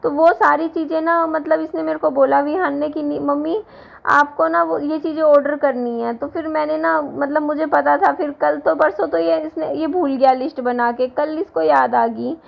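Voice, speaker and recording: A woman in her thirties, hoarse from a sore throat, rambling casually to her viewers in a home vlog. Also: high voice, steady tone, moderate pace, few pauses, highs cut off. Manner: rambling, restarts often, talks to viewers directly. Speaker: vlogger.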